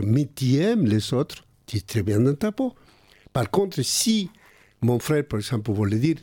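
Older guy w heavy accent, husky voice, dry sound, keeps repeating words, earnest chat. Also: mid-range voice, darkish tone, dry recording. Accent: non-native French accent. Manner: earnest, repeats words while searching for phrasing. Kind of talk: casual conversation.

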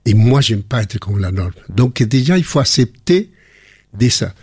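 An older man with a foreign accent speaks in a husky voice. He tells anecdotes with many restarts and repeated words. The sound is close and dry. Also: mid-range voice, very animated, a little slow, no echo. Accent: foreign accent in French. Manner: warm anecdotal storytelling with frequent restarts. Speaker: guest. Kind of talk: casual conversation.

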